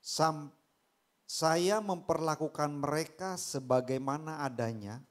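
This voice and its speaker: A man reading a short passage aloud in a measured, deliberate way during a sermon. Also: on the high side.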